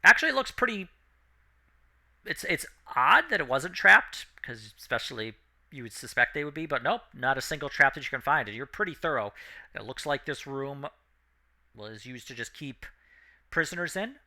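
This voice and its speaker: A man with a very bright, forward voice narrates as the game master of a tabletop role-playing session. He describes each scene in a loose, halting way, full of fillers. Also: medium pitch, animated. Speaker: dungeon master.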